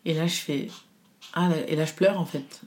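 A woman's voice: deep voice, normal speed. Chatty woman telling a story. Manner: animated storytelling, quoting others, frequent fillers. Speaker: guest telling her birth story. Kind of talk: casual chat.

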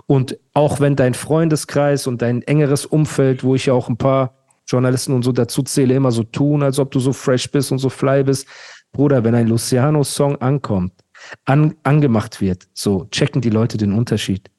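A man's voice: mid-range voice, fairly even intonation, moderate pace, warm tone. A man hosting a casual rap podcast, ranting emphatically and repeating himself. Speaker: podcast host.

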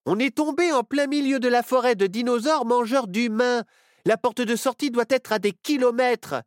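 A woman's voice: a little high, normal speed, dry recording, studio quality, natural voice. Woman doing a snappy, anxious young boy. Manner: worried, snappy.

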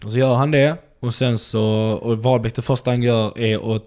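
Man telling a stand-up comedy anecdote. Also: mid-range voice. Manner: lively anecdote-telling, acts out quoted people. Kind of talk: casual podcast storytelling.

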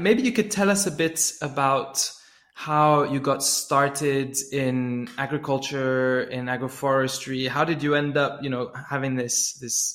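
A man's voice: medium pitch, a bit bright. A man hosting a podcast interview, enthusiastic, repeating words as he speaks. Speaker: podcast host.

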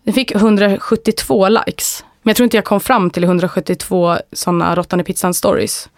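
A woman's voice: medium pitch, level tone, dry recording. Woman, Stockholm accent, casual podcast storytelling, frank and colloquial, dry close sound. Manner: frank, colloquial, crude humour. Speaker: podcast co-host. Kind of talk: casual chat, telling anecdotes.

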